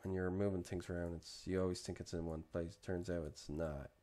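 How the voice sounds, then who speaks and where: A man's voice: low voice, fairly even intonation, fairly quick, warm tone. A man narrating casually as he works on a 3D sculpt, muttering asides to himself. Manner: mumbling asides to himself while working. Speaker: 3D modeling vlogger. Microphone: desk microphone.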